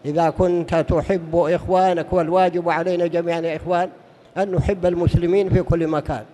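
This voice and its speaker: High-voiced Arabic-speaking preacher, exhorting. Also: male voice, flat delivery, quick pace, dark tone. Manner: storytelling with acted quotes, exhorting listeners. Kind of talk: sermon.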